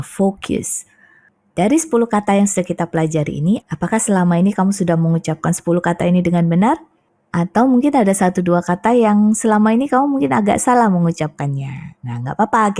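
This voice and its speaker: A woman with an Indonesian accent teaching English pronunciation, patiently explaining each word and then saying it slowly. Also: lowish voice, dark tone. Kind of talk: pronunciation lesson.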